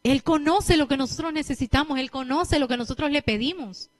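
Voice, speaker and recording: A young woman preacher with a Latin American Spanish accent, giving a lively sermon and acting out what people say. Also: high-pitched, brisk. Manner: lively storytelling, acting out quotes.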